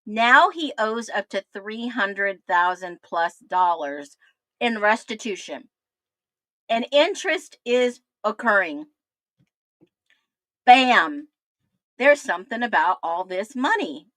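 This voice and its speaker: A woman's voice: medium pitch, big pitch swings, measured pace, sharp tone, no echo. A woman in her fifties giving emphatic, chatty true-crime commentary on a livestream, repeating her points. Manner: emphatic, repetitive, chatty asides. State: thirsty, getting over the flu.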